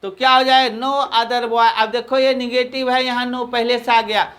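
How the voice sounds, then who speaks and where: A man with a Hindi accent teaching an English grammar lesson, repeating phrases slowly and answering his own questions. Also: very high-pitched, flat delivery, fairly bright tone.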